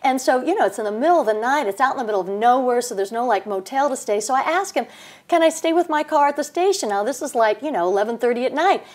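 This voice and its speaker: A woman co-hosting a talk show, telling a story in a lively, chatty way and acting out the voices of the people in it. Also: a little high, quick pace, hardly any pauses. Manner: animated, acts out quoted voices. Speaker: co-host. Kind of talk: casual storytelling chat.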